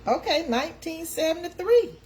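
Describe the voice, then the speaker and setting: A woman's voice: very high-pitched, expressive, normal speed, darkish tone, a little hiss or hum. A woman, hosting a casual live chat and calling out to her viewers. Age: 50s. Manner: chatty, calls out to viewers. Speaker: live stream host.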